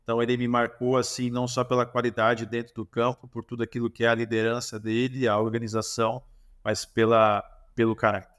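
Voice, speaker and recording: A man's voice: mid-range voice, monotone, brisk, a bit bright, smooth. A Brazilian man, a former goalkeeper, telling anecdotes in a casual interview, with many restarts and self-corrections.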